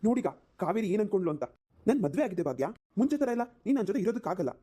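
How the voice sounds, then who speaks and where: A woman's voice: mid-range voice, sing-song, rapid-fire, mellow, breathy edge, dry recording, studio quality. A woman voicing a flustered young husband. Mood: pleading. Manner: pleading, exasperated. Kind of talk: cartoon voice acting.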